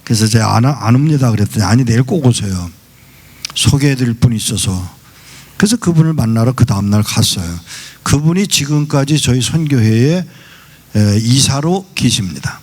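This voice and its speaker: A man's voice: mid-range voice, expressive, normal speed, darkish tone. A male pastor preaching a sermon, telling a story and acting out the dialogue in quoted voices. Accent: Seoul Korean. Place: church sanctuary.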